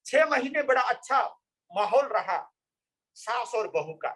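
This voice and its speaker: A man's voice: very high voice, big pitch swings, a little slow, fairly bright tone, breathy edge, low-quality recording. A man, a monk, telling a story in a sermon and repeating phrases for emphasis. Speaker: Jain monk.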